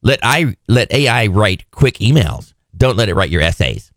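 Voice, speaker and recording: A man's voice: lowish voice, big pitch swings, moderate pace, a bit bright, no echo. A man hosting live radio with casual, teasing, joking banter in a studio. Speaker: radio host.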